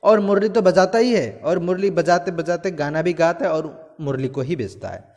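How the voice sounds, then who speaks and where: A man teaching a class, walking through a story step by step, glossing hard words and often pausing to check in. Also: fairly high pitch, a little mellow. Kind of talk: explaining a textbook story to students. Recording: long hall reverb.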